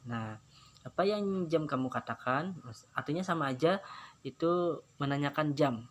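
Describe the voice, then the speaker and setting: A man teaching English to children in a slow, patient manner, repeating each phrase and giving its meaning, with an Indonesian accent. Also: on the high side, a bit bright, a little hiss or hum. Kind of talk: slide-based English lesson explained in Indonesian.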